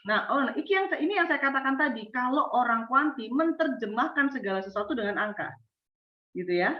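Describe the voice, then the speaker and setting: A woman gives a university lecture, talking expressively and quizzing her students as she goes. Her voice sits fairly high. She is recorded far from the mic in an echoey space, with a dull, muffled tone. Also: brisk. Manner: expressive, acts out example answers, asks the class questions. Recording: echoey, distant, dull sound.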